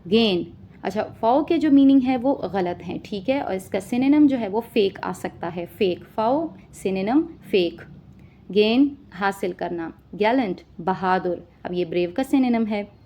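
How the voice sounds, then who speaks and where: A woman teaching vocabulary, listing each word with its meaning and often checking understanding with a quick question. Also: medium pitch, lively intonation, mellow, dull audio. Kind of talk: spoken vocabulary lesson.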